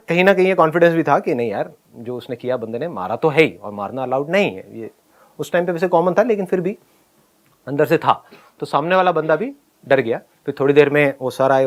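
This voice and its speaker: A man tells a personal school story in an animated way, laughing often and acting out his own lines. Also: medium pitch, fairly quick. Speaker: speaker telling a school story.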